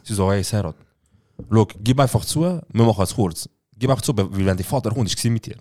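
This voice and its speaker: Fast-talking young man telling a story. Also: on the low side. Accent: Swiss German. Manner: animated, quotes people with "ich so" and acts out their lines. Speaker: podcast co-host. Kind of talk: casual storytelling chat.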